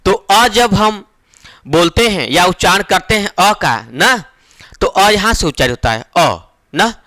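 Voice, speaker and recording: A man teaching a Hindi exam-prep lesson, slow and emphatic. He repeats each point, asks and answers his own questions, and draws out vowel sounds to show them. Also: sits high, animated, sharp tone, no room sound.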